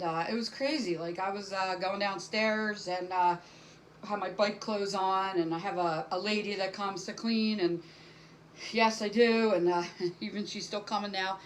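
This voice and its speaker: A woman's voice: mid-range voice, a little hiss or hum, rough recording. A middle-aged woman doing a casual stand-up monologue to camera from home, rambling and self-deprecating with many fillers. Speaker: stand-up comic.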